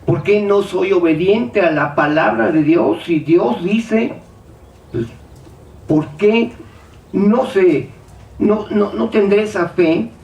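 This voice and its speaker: A man's voice: high voice, takes it slowly, creaky, darkish tone, highs cut off. A man preaching a sermon, firing rhetorical questions and acting out the doubts of his listeners. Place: church hall. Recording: echoey hall, speaker far from mic.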